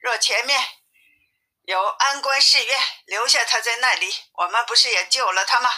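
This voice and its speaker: Woman doing an earnest soft-hearted monk. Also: a little high, moderate pace, pitched above the performer's own voice. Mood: insistent. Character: kind-hearted, naive male Buddhist monk. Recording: tinny phone-like sound.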